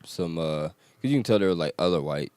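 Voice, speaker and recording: Male podcast guest, lowish voice, dry sound, easygoing storytelling. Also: expressive, brisk, darkish tone, smooth, dry recording. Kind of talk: casual chat over drinks.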